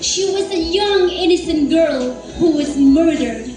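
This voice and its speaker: A high-voiced young woman from Nagaland speaks slowly and earnestly, pausing for effect. She is heard from a distance across a booming, echoey hall, with music playing behind her. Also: dark tone. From Nagaland, India. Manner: earnest, measured, with dramatic pauses. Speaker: pageant contestant. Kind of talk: rehearsed stage speech. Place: large hall stage.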